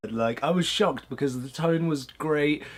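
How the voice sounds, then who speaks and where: A man's voice: on the high side, unhurried. A man hosting a casual movie review chat, blunt and rambling, with plenty of fillers and swearing.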